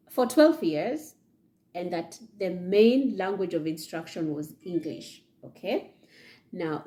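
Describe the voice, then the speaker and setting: A young Kenyan-accented vlogger with a warm, mid-range voice chats advice to the camera from an indoor room, seated ahead of a leather chair. She often pauses to ask "yeah?" or "okay?".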